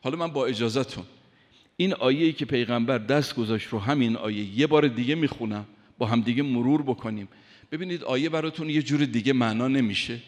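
A man preaching a sermon, emphatic, speaking straight to his listeners and reciting scripture slowly. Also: medium pitch. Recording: long hall reverb.

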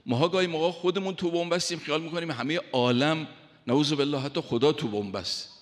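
A man preaching a sermon, emphatic, speaking straight to his listeners and reciting scripture slowly. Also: a little high. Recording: long hall reverb.

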